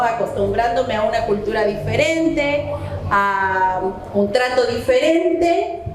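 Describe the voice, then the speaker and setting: A woman's voice: a little high, background noise. A middle-aged woman from the coast of Ecuador, giving Bible teaching and prayer at a women's conference and asking her listeners questions directly. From Santo Domingo, Ecuador. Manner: addresses the audience directly with questions. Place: church hall. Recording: echoey church hall.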